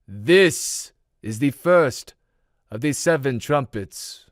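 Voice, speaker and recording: A man voicing a calm, foreboding male prophet who proclaims in a grave way. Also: medium pitch, slow, dry recording, studio quality.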